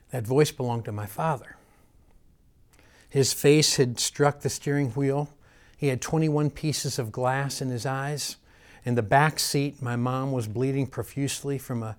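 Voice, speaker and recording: A man preaching a sermon in an earnest way, building emphasis through repeated phrases. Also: mid-range voice.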